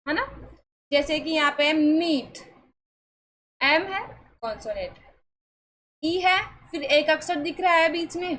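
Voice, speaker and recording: Female online teacher with a high voice, coaxing and reassuring, quizzing students. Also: pushed and bright, poor audio. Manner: asks the class questions and answers them herself. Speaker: English pronunciation teacher. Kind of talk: online classroom lesson.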